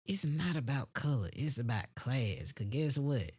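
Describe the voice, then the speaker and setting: A medium-pitched American voice delivers an off-the-cuff opinion monologue. The talk is blunt and slangy, full of swearing, with phrases hammered again for emphasis. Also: lively intonation, measured pace, darkish tone, breathy edge. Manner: blunt, heavily profane, slangy. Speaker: podcast host. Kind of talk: unscripted opinion monologue, casual street talk.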